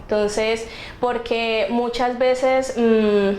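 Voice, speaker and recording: Drawing out her words in a fairly high, steady, slightly mellow voice, a woman with a Colombian accent from the central Andes near Bogotá talks earnestly and conversationally about her faith in a casual interview. There's roomy echo, music behind, and slight background noise.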